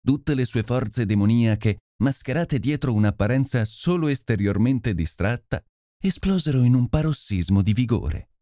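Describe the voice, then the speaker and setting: A male audiobook narrator telling a detective story with an expressive, animated delivery. His voice moves freely up and down at a middle pitch. The recording is close and very dry, with no room sound. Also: normal speed, dry recording.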